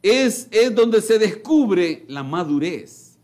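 A man delivers a sermon in a high voice that leaps up and down. He speaks slowly and emphatically, his volume rising and falling sharply, and he slips into the voices of the people in his examples. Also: sing-song. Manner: emphatic, with big swings in pitch and loudness. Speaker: preacher.

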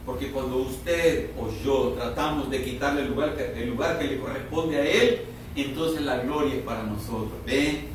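A man preaching a sermon, slow and emphatic, drawing out words and rising to sudden loud peaks. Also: mid-range voice, slight background noise. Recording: echoey room, heard from far off.

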